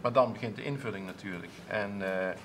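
Seated at a table in a TV studio before an audience, a council clerk in his thirties answers interview questions, restarting often and leaning on fillers. His voice is fairly low and a little fast, and the background is noisy.

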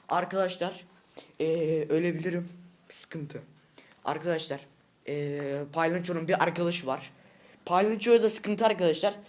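Male vlogger, high voice, agitated, emphatic, repetitive, slangy casual rant, at home. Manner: agitated, keeps repeating short phrases and calling out to viewers. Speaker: vlogger addressing subscribers. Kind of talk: unscripted casual vlog rant. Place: at home indoors.

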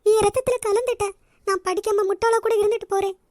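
A tender young cartoon heroine, voiced by a woman, speaking in a very high, emotional, pleading voice. The sound is dry and close. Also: fairly even intonation, quick pace, darkish tone, no room sound. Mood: tearful.

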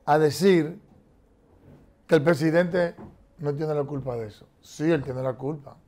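A man's voice: a little high, unhurried. A middle-aged man arguing emphatically as a political commentator in a TV studio debate, talking with his hands. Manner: emphatic, animated, gestures a lot while talking.

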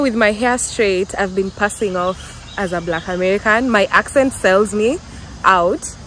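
A young Kenyan-accented woman talks slowly and easily into a handheld phone while out and about, breaking into laughter and self-mocking asides. Her pitch sits in a middle range. Faint outdoor noise and passing traffic sit underneath. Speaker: vlogger. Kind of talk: casual vlog chat to camera. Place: outdoors, walking around town.

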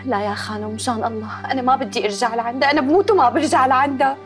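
A woman's voice: a little high, racing, soft background music, close to an everyday voice. A woman playing a pleading young servant girl. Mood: downcast. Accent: Damascene Arabic. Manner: pleading, tearful outbursts.

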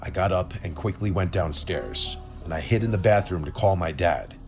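A man reading a first-person horror story as scripted narration, in a calm, steady telling. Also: sits low, moderate pace, faint music behind.

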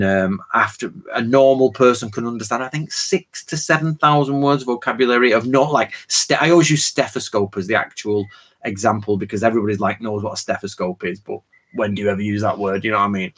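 A man in his forties with a fairly low, slightly breathy voice hosts a live-stream Q&A that works like a casual lecture. He's chatty and rambling, hopping between tangents with informal slang and frequent fillers.

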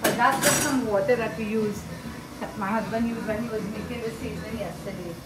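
A home cook of about sixty from southern Trinidad talks a little fast in a slightly high voice. In an easygoing cooking demo at home, she chats in a homely manner and says things more than once. The kitchen is echoey, with music behind her.

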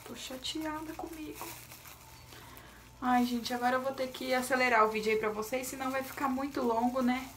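A woman's voice: sits high, steady tone, normal speed, a bit bright, slight background noise. Nervous chatty Brazilian woman vlogging. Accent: Brazilian Portuguese. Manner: nervous, chatty, talks to viewers as "gente". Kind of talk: casual vlog chat to camera. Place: home, bathroom area. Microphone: phone camera set down nearby.

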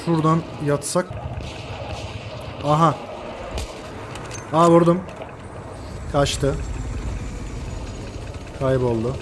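A high-voiced man gives live commentary on his own shooter gameplay, excitable and quick to swear and shout at his teammates. Game sounds and engine rumble sit clearly beneath his voice.

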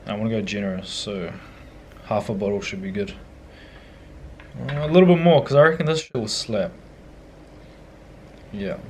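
A young man chats in an easygoing, slangy way, cursing casually as he cooks. He holds the camera close, and there is a steady hiss of outdoor noise behind him. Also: fairly low pitch, moderate pace, pauses often. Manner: laid-back, slangy, swears casually. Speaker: cooking vlogger. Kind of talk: casual cooking vlog. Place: outdoor backyard by a grill and indoor kitchen.

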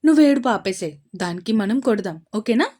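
A jovial uncle in an audio story, chuckling and coaxing a crying child kindly, as a woman puts him on. His voice stays easy and warm-hearted. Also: fairly high pitch, lively intonation, a little fast. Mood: soothing. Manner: laughing, gentle with children. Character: jovial uncle, adult man.

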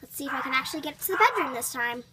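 A young girl voicing an easygoing, hesitant father in dollhouse play, muttering in a low-key way. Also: lively intonation, rapid-fire, heavy background noise. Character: doll father, easygoing, hesitant grown man.

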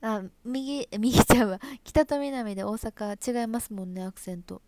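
A woman's voice: on the high side, moderate pace, darkish tone, slight background noise. A young woman from Osaka speaking in Kansai dialect, casually chatting with viewers and reading their comments on a live stream. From Osaka, Japan. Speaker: livestream host and stage actress.

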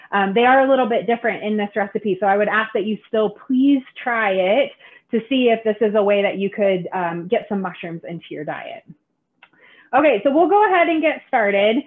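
A woman in her thirties, working as a sports dietitian, explains a recipe to children in an upbeat, instructive way, pausing often on "um." Her voice sits a little high. It comes through a tinny video-call connection from her home kitchen. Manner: friendly, instructive, many "um" fillers. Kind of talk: live online cooking demo for kids.

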